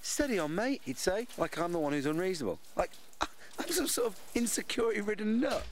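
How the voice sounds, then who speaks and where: In an audio drama, an actor voices an anxious, irritable young British office worker's rambling, self-questioning inner monologue, sounding exasperated. His voice sits high, very animated and a little fast, over a noisy background.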